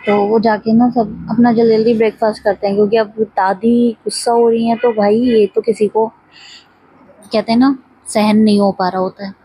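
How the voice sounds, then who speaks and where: A woman's voice: a little high, little pitch movement, moderate pace, warm tone, slightly rough, rough recording. A woman casually recapping the plot of a series, chatty and loose, linking every line with "so she says". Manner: chatty, strings the story together with repeated "so she says". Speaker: storyteller recapping a web series. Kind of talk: casual spoken story recap.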